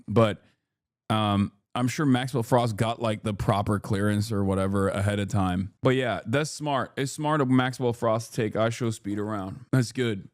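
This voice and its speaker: A man's voice: mid-range voice, dry recording, studio quality. Rambling, joking male streamer. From Turkey. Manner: rambling, profane, joking asides. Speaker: streamer reacting to clips. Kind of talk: casual reaction commentary.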